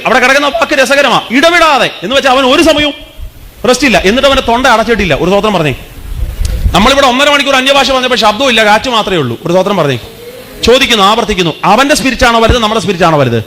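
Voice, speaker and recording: A man preaching a revival sermon with a bright, forceful edge to his voice. He keeps putting questions to the congregation and calling on them to give praise. His voice sits high for a man. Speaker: pastor. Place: church meeting.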